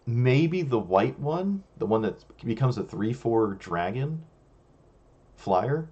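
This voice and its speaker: A young man streamer casually comments on his own card game, musing and criticizing himself. His low-ish, mellow voice is hoarse and failing, and the recording's highs are cut off.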